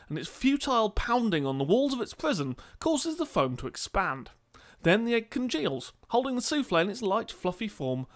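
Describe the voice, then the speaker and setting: A man reading scripted comic narration in a dry, mock-dramatic way. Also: high voice.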